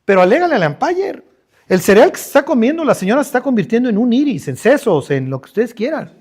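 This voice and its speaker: A middle-aged man with a Mexican Spanish accent preaching a lively, conversational sermon, joking and using slang as he acts out scenes. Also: very high-pitched. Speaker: pastor.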